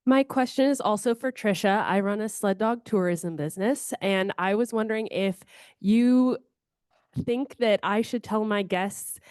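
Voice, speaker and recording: A woman's voice: medium pitch, measured pace, darkish tone, clear, resonant tone, dry recording, clean studio sound. A woman who runs a sled dog tour business, asking a conference panel a playful, joking question.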